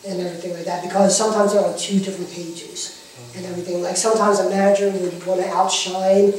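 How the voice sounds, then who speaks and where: A man's voice: high voice, flat delivery, quick pace, darkish tone, slight background noise. Echoey, talkative male interviewee, off mic. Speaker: pro wrestling manager being interviewed. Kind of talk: casual interview chat. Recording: echoey room, far from the mic.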